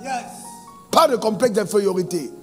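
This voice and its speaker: A man's voice: high voice, animated, moderate pace, in a large hall, music in the background. A male pastor preaching a sermon, calling on the congregation to answer amen. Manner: preaching with call-and-response amen prompts.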